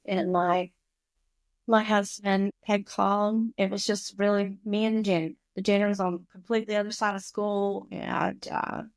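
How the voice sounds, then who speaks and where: A woman in her fifties, a podcast guest, telling a personal story in an animated, emotional way. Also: medium pitch, gravelly, no echo. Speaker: guest, recovery school founder.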